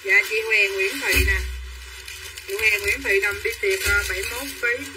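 A woman's voice: mid-range voice, steady tone, normal speed, distant mic. A woman selling clothes on a livestream, chattering in a repetitive hard-sell patter and calling buyers by name. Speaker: online clothing seller. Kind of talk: livestream sales pitch. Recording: voice a bit off-mic with faint room noise.

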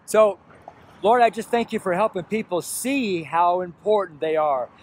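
A man in his sixties preaches beside a road, his voice sitting high at a normal speed. He talks earnestly into a selfie camera held at arm's length, repeating his points with pleading emphasis, while faint traffic noise drifts through the outdoor recording.

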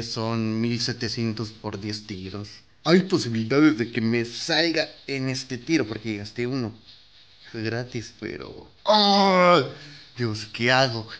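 A young man with a Mexican Spanish accent giving casual, excitable commentary over a mobile game, yelping, groaning and swearing as he spends in-game currency. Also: medium pitch. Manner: excitable, nervous, yelps and groans, swears freely.

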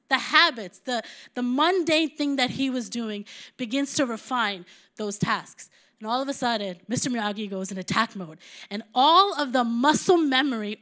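Woman, 30s, church preacher; conversational sermon delivery that rises to forceful emphasis, higher register.

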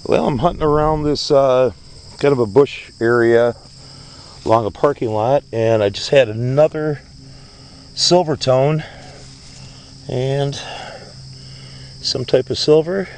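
Guy doing a casual outdoor hobby vlog, slow n understated, faint bugs in background. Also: mid-range voice, darkish tone. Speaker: metal detecting hobbyist, vlogger. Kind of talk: casual vlog narration of finds. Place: outdoors, grassy ground by a parking lot. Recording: outdoor ambient noise, faint insects.

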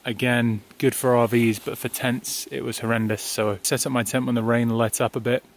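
A tired young man, a touring cyclist, chatting casually to his camera outdoors by a highway and laughing often. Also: flat delivery, brisk, slight background noise. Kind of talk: casual video diary.

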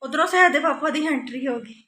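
A woman's voice: high voice, brisk, sharp tone, a little hiss or hum. A woman in her thirties from Punjab, tired and chatty, talking through her day in a casual family home vlog and often tagging her sentences with a questioning "right?". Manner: chatty, tags sentences with "hanna". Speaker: family vlogger.

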